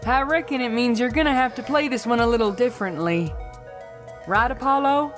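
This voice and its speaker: A woman's voice: fairly high pitch, expressive, normal speed, soft background music, lightly acted. Applejack, a woman doing a folksy country mare. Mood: reassuring. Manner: folksy country drawl, "I reckon". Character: down-to-earth country farm mare.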